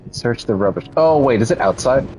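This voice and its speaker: A man's voice: mid-range voice, expressive, brisk, noisy background. A man streaming a game with casual, muttering playthrough commentary. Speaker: game streamer, podcast host. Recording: game music behind the voice.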